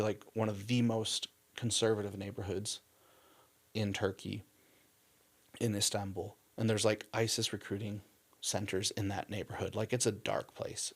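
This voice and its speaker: Young guy w a gravelly low voice, chatty, acts out every quote. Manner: animated storyteller, acts out quotes, frequent "like" and "um". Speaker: missionary guest. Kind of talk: casual storytelling interview.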